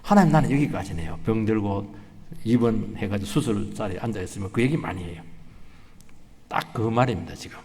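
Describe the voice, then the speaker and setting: A man's voice: lowish voice, fairly even intonation, fairly quick, pauses often, a little mellow, in a large hall. A man preaching a sermon as pastor, dramatic, acting out quoted voices and building to emphatic peaks. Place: church sanctuary.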